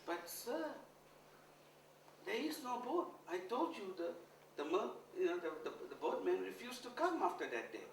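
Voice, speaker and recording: A man's voice: high-pitched, big pitch swings, normal speed, vocal fry, a little hiss or hum, voice pushed up, full character voice. A man voicing a meek, patient young milkmaid who answers politely and plainly. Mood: calm polite. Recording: echoey hall, far from mic.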